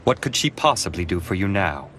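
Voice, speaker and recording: A man's voice: sits low, very animated, fairly quick, a little hiss or hum. A man voicing a cocky, laid-back vampire mentor in an English anime dub. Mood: teasing. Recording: loud music behind the voice.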